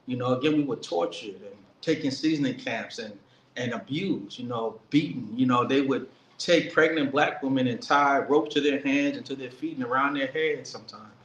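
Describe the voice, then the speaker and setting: A man giving an earnest political speech, emphatic and slowing down to stress key words. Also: mid-range voice, a bit bright, muffled recording, slight background noise. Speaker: speaker at a commemoration event. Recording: echoey room with faint ambience.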